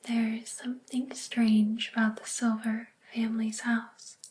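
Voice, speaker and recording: A woman whispering slowly and breathily in a soft ASMR whispered role-play as a gentle, helpful librarian. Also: on the high side, completely flat delivery, slight background noise. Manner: slow, gentle, hushed.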